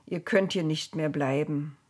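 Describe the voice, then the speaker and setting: Stubborn old patriarch, a woman reads him, slow and breathy. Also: deep voice, a little mellow, pitched below the performer's own voice. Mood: firm.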